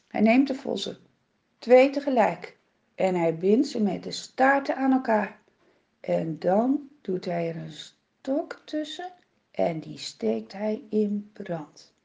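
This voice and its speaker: A woman's voice: fairly high pitch, gravelly, a little mellow. A woman telling a Bible story for children in a dramatic, vivid way, repeating words for effect. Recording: dull lo-fi recording.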